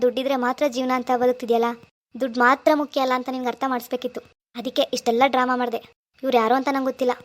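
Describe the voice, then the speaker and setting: A woman's voice: high voice, pitched below the performer's own voice, lightly acted. Woman voicing a pleading young cartoon husband. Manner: pleading, insistent. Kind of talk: animated cartoon dialogue.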